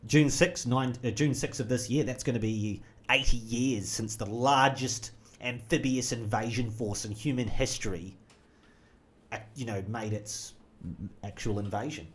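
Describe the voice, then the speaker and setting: A man's voice: mid-range voice, a little slow, a little hiss or hum. A man chatting casually while gaming, rambling off on jokey tangents. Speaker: gaming streamer.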